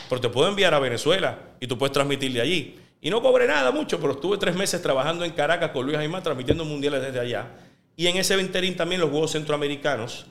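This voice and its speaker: Male guest, sports journalist from Puerto Rico; brisk, high-ish delivery, lively anecdotal chat. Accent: neutral Spanish. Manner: lively, rapid anecdote-telling. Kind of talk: casual interview storytelling.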